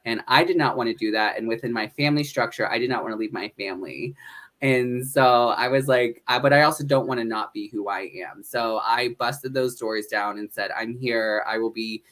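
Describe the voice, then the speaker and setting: A man's voice: medium pitch, moderate pace, fairly bright tone. A man in his thirties from northeastern Pennsylvania, a drag performer and educator, talking earnestly and upbeat in a casual podcast interview, with frequent fillers.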